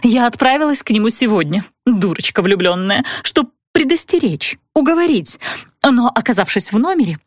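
A woman's voice: medium pitch, no echo, studio quality, natural voice. A woman voicing a young noblewoman cousin, a proud poor spinster, speaking in agitated, tearful pleading.

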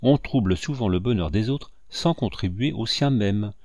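A man voicing a gentle, grieving father in a storybook reading, earnest and tender as he lectures his nephew. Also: fairly low pitch, expressive, normal speed, no echo, studio quality.

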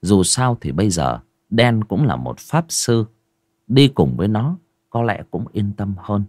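A man narrating a ghost story in a lively, dramatic storytelling manner. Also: on the low side, a little slow, dry recording, clean studio sound.

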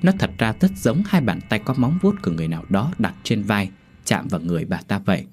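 A man narrating a horror story in a steady, descriptive storytelling manner. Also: fairly low pitch, fast, faint music behind.

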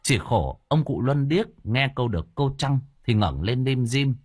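A man narrating a comic village story in a lively, expressive way. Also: mid-range voice, moderate pace, noisy background. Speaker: audiobook narrator.

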